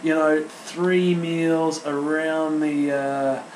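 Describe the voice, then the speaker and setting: An Australian man in his thirties hosting an unscripted solo podcast, chatty and sentimental, talking in halting bursts full of restarts and fillers. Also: a little high, level tone, darkish tone, reverberant, a little hiss or hum, low-quality recording. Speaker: podcast host. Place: home studio.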